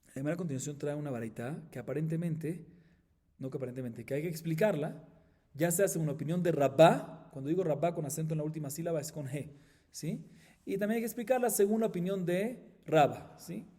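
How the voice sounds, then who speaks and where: Man rabbi, Talmud class, high pitch, mellow tone, explains step by step, from Colombia. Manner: explains step by step, asks "¿sí?" often, chants Aramaic quickly.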